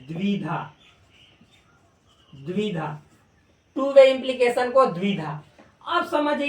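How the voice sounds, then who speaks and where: Female math teacher, slightly high voice, repeats terms patiently, recorded far off in an echoey room. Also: a bit bright. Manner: slow, repeats terms in Hindi and English. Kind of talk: classroom lesson on a whiteboard.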